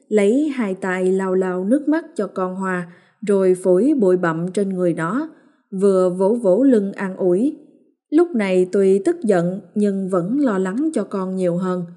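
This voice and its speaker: A woman narrating a ghost story in a steady, even storytelling manner. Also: mid-range voice. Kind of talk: scripted horror story narration.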